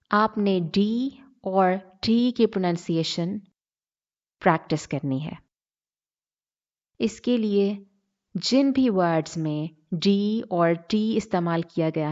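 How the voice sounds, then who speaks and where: A woman teaching English pronunciation in a deliberate lesson style, repeating words to model the sounds and mixing in English phrases. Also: medium pitch, darkish tone, lo-fi sound. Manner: switches between Hindi-Urdu and English phrases. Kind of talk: slow instructional lesson.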